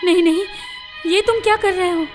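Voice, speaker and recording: A woman's voice: very high voice, steady tone, normal speed. An actress dubbing a devout young village wife who pleads with and defies her husband, in a film scene with music behind. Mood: pleading, defiant. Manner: pleading, insistent. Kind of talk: Hindi film dub acting.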